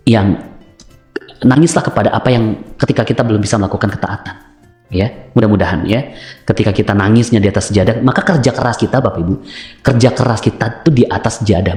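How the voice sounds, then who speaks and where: A man's voice: lowish voice, a little mellow, reverberant. A man hosting a religious self-help talk, answering viewer questions with a repetitive preaching cadence and rhetorical questions.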